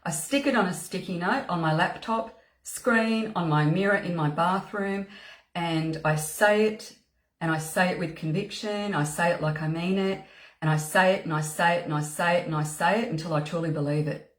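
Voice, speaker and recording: A woman's voice: on the low side, normal speed, echoey room. A woman speaking as a spiritual mentor, giving an earnest motivational talk with lots of "you know" and "okay" and words repeated for emphasis. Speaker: spiritual mentor and psychic medium.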